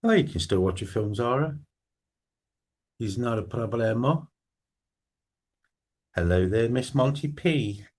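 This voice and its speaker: A man hosts a relaxed evening live stream and chats with viewers. He greets each one by name in a friendly, easygoing way, at a middle pitch. His talk is loose and unhurried. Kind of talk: casual chat with live chat viewers.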